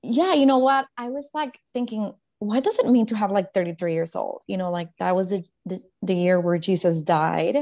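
A woman in her thirties from Guatemala, a life coach, appears as a guest in a casual faith-based interview and shares her story earnestly and reflectively. Her medium-pitched voice has a gravelly, creaky edge, and she often restarts sentences and fills pauses.

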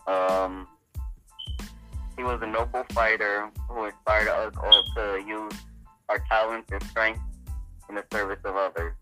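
Muffled low-voiced man reading news. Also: flat delivery, sharp tone, faint music behind. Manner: halting, stumbling reading. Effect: muffled, bass-heavy sound through a remote mic. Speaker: podcast co-host reading news. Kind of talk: reading a statement aloud.

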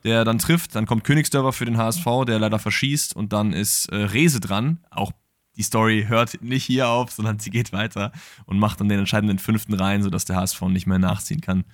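A man co-hosting a casual football podcast, excitedly recounting match highlights with plenty of fillers. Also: brisk, no echo, studio quality. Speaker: podcast co-host.

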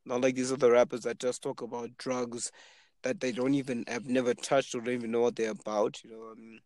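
Talking loosely about his hopes of becoming a rapper, a 20-year-old Zimbabwean man rambles in a relaxed way, filling gaps with plenty of fillers. He speaks fairly quickly at a medium pitch, and the recording is dry.

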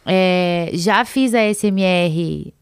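Guesting on a podcast, a young woman known for ASMR content chats loosely, giggling, wandering off topic and cutting herself short. Her voice is on the low side and very slow, with a clean tone and no echo.

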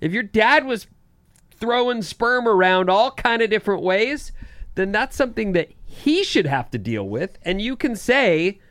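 A man in casual chat, talking through advice in a relaxed way with pauses. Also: high-pitched, no echo.

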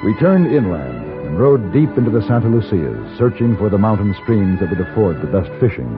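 Tinny old radio sound carries an American western gunman and narrator. His fairly low voice moves widely in pitch, gentlemanly yet commanding. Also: sing-song, brisk. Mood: measured narration. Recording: tinny vintage radio recording with music.

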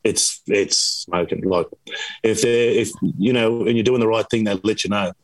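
A man's voice: fairly low pitch, steady tone, moderate pace, no room sound, low-quality recording. An Australian man chats casually as a guest on late-night radio. He sounds laid-back and hesitant and fills his speech with ums. His voice is recorded close and dry. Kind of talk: casual banter.

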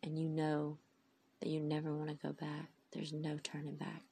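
A woman's voice: sits low, completely flat delivery, moderate pace, creaky, warm tone, slightly rough. A woman giving a heartfelt, emphatic inspirational talk about faith, sounding tired and tearful. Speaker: faith vlogger. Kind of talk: inspirational monologue.

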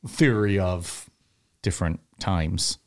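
A man's voice: deep voice, slow, vocal fry. A man co-hosting a podcast, trading teasing, jokey banter. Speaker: podcast co-host. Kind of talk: casual chat.

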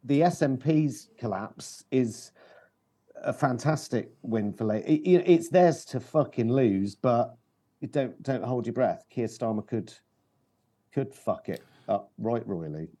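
A man's voice: mid-range voice, animated, unhurried, warm tone, husky. A British man in casual political chat, swearing freely and throwing out rhetorical questions.

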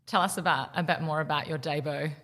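A woman's voice: sits low, fast, a bit bright. New Zealand woman host asking questions. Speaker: podcast host. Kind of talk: interviewing. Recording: long reverb.

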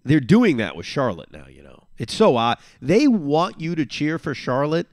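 A man's voice: on the high side, big pitch swings, moderate pace, a little mellow, no room sound, studio quality. A man hosting a solo podcast, talking casually and sarcastically, repeating phrases for emphasis. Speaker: podcast host.

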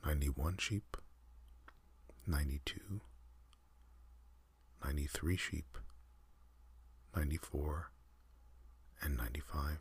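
A man telling a calm ASMR sleep story, counting in a soft, half-whispered, unhurried way. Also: a bass voice, slightly rough.

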